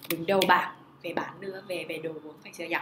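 A woman teaching a Japanese lesson online, talking in an animated way and asking rhetorical questions that she answers herself. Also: fairly low pitch, quick pace, roomy sound, a little hiss or hum. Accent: Vietnamese.

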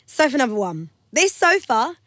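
A woman's voice: sits high, normal speed, dry recording. Teasing woman radio presenter. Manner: teasing, laughing, lively. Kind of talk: playful radio interview. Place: radio studio.

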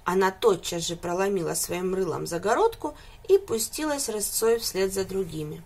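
A woman reading a fairy tale aloud for children in a lively, expressive way. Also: mid-range voice, moderate pace, slightly rough.

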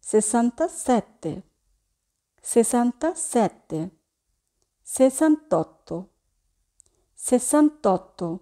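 A woman teaching a language lesson, slowly repeating each number twice and correcting common mispronunciations. Her first language is Bengali. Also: fairly high pitch, dark tone. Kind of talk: slow, repetitive pronunciation lesson.

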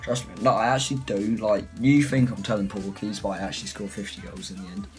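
A man's voice: lowish voice, steady tone, fast talker, faint music behind, poor audio. A British man giving a casual, rambling, self-mocking voice-over on his own football gameplay. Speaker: gaming channel host.

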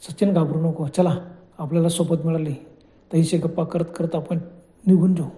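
A man plays a frightened young villager who keeps his head and gives urgent commands in a spoken ghost story. The voice stays very dark and mellow. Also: a little high, steady tone, normal speed, natural voice. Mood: reassuring.

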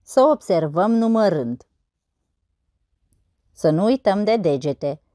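A woman teaching a school lesson in scripted narration, reading verse out slowly and counting the syllables. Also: medium pitch, expressive, dark tone, dry recording, studio quality.

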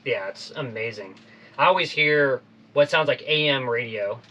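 Laid-back guy chatting in a boat cabin, bright voice, mic a bit off. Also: mid-range voice, moderate pace, dull audio. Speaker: podcast host. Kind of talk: casual interview chat. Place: small boat cabin, indoors.

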